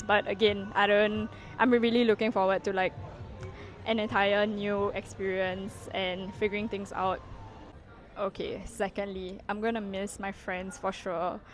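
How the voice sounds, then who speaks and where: A woman's voice: mid-range voice, rough recording. A woman, talking casually to camera as a vlogger, full of "like" and "you know", walking around as she speaks. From Singapore. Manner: chatty, heavy use of "like" and "you know" fillers. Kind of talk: casual reflective vlog talk.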